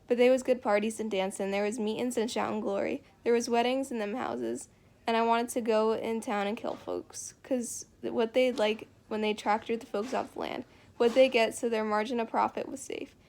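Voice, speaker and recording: A woman's voice: a little high, steady tone, normal speed, creaky, darkish tone. A woman reading the lines of a lonely, bitter middle-aged farmer man who rambles in a drawling rural dialect.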